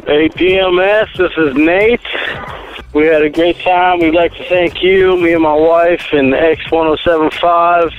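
A man's voice: a little high, fairly even intonation, measured pace. A tipsy man leaving a rambling voicemail for a radio show, heard over a phone line. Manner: rambling and repetitive. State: tipsy after drinks.

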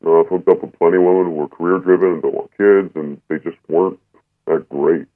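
Man with a deep disguised voice-changer voice. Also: fairly even intonation. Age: 30s. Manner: blunt, unapologetic, halting. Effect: voice changer making it disguised and deep. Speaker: anonymous caller. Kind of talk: call-in radio conversation. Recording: tinny phone line.

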